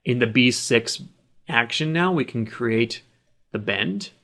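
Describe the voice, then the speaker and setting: Narrating over a screen recording, a male tutorial instructor explains each action step by step in a plain, instructional way. His medium-pitched voice is slightly bright with lively intonation, vocal fry, and a slow pace.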